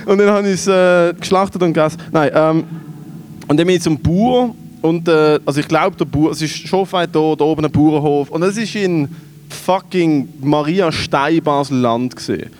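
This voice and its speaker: Swiss German male podcast co-host with a high voice; spins comic anecdotes, laughing as he goes. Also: moderate pace, darkish tone. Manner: laughs through his stories, acts out quoted voices. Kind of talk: comedic storytelling.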